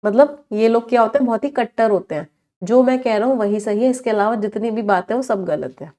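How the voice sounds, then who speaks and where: Indian woman teaching vocabulary, higher voice. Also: mellow. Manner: quizzing students, drawing out each English word slowly. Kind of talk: live online exam-prep class.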